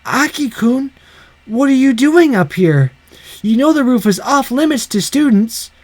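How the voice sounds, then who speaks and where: A bossy schoolgirl from the student council, chiding and prim, her voice pitched high and swinging freely, as a man puts her on. The sound is close and dry, with faint game music underneath. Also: animated, unhurried, no room sound, heavily acted. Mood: scolding.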